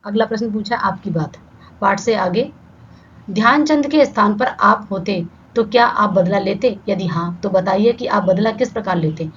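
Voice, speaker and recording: A woman's voice: mid-range voice, moderate pace. A woman teaching an online Hindi grammar lesson. She explains step by step and keeps checking in with "ठीक है". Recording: slightly dull lo-fi sound with faint background hiss.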